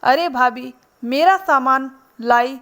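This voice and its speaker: A woman's voice: high-pitched, slow pace, a bit bright, exaggerated voice. A woman voicing a petulant, complaining young daughter-in-law in a spoken storybook. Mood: sulky. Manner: grumbling, sulky.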